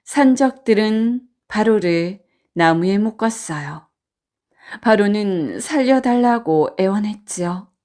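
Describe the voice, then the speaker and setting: A woman narrating a children's folktale in a gentle, measured storytelling manner. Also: mid-range voice, lively intonation.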